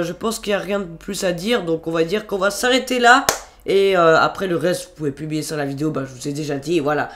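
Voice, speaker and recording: This tutorial YouTuber sounds fairly high and bright, a young man talking through a head cold. Recorded on his computer mic, he walks through video editing on screen in a loose, meandering way, full of fillers and false starts.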